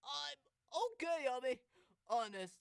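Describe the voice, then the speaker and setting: A man's voice: very high voice, lively intonation, measured pace, creaky, clean tone, dry recording, clean studio sound, heavily acted. A man voicing a frazzled young male band manager in a fan-made cartoon animatic, talking in a jittery, stammering way. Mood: flustered.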